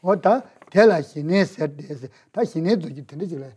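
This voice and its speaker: Husky-voiced lama teaching slowly. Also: male voice, fairly high pitch, expressive, mellow. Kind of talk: dharma teaching with interpreter.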